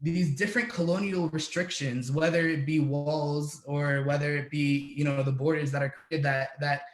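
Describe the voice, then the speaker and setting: A man's voice: a little high, steady tone, normal speed, reverberant. A man from the United States, an activist organizer speaking earnestly on a panel, with many restarts and fillers. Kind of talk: casual panel talk.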